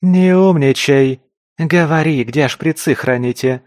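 A man's voice: mid-range voice, slow pace, a little mellow, no room sound, clean studio sound, pitched above the performer's own voice, lightly acted. A man voicing a fierce, crude female mutant fighter who snarls threats in street slang. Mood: threatening.

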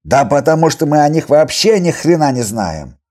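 Man doing a loud sneering crude healer. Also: mid-range voice, animated, normal speed. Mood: angry. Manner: loud, jeering, coarse. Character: coarse sneering male healer, crude and hostile.

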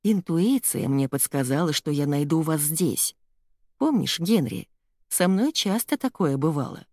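A woman reading an audiobook, voicing a kind old grandmother who speaks calmly and gently. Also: deep voice, unhurried, dry recording, studio quality.

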